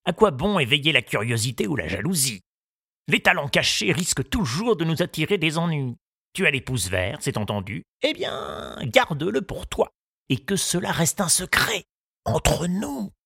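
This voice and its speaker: A man's voice: fairly high pitch, very animated, gravelly, bright, forceful tone, breathy edge, no echo, clean studio sound, pitched above the performer's own voice, exaggerated voice. Give me a man doing a kindly old gardener. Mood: confiding. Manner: slow, musing, confiding. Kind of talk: audiobook character reading.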